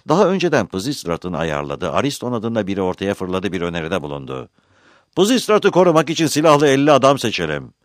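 A man narrating a scripted history documentary in a measured storytelling delivery with dramatic emphasis. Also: sits low, no echo, clean studio sound.

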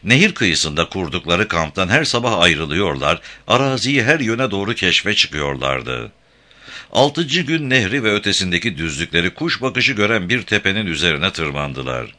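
A man narrating a novel as an audiobook in a measured storytelling delivery. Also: low voice, very animated, bright, forceful tone. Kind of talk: scripted narration.

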